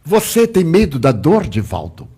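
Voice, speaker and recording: A man voicing a gentle young spirit nurse. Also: on the high side, huge pitch swings, measured pace, slightly rough, heavily acted.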